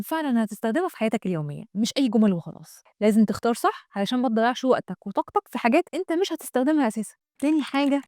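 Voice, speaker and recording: An Egyptian woman, an English trainer, giving a lively online lesson, speaking straight to the viewer and modelling English phrases slowly. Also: on the high side, no room sound, clean studio sound. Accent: Egyptian Arabic.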